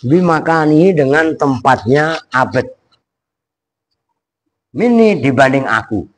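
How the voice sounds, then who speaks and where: Casting: man, kitab teacher, slightly high voice, loose and chatty. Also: expressive, takes it slowly. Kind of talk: pesantren kitab lesson, word-by-word translation.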